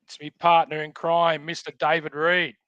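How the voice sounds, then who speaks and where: Aussie guy rambling on a video call, audio glitching and freezing, smooth clear voice. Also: fairly high pitch, flat delivery, moderate pace, pushed and bright, dry recording, highs cut off. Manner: rambling, stumbling over words. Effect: glitching, freezing internet audio. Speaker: podcast co-host. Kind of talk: casual chat.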